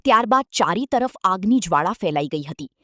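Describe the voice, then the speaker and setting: A woman reporter reading a scripted news voice-over in a measured, solemn delivery. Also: medium pitch, expressive, bright, forceful tone, no echo, clean studio sound.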